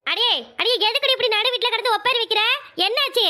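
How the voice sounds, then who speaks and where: A woman's voice: very high-pitched, fast talker, pushed and bright. A woman voicing a bossy, scolding mother in a village cartoon comedy, nagging sharply.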